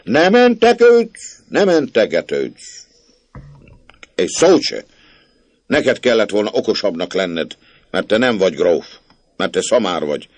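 A man's voice: deep voice, animated, no echo. Man doing a blustering old country squire. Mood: scolding. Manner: scolding, blustering, thundering outbursts. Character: cranky ailing old country gentleman, quick to fury.

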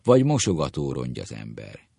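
A man plays a blunt gentleman who bellows the same stock saying again and again. His gravelly voice is very low and sounds dry, with no room around it. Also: wildly swooping pitch, no room sound, heavily acted. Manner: bellowing catchphrase.

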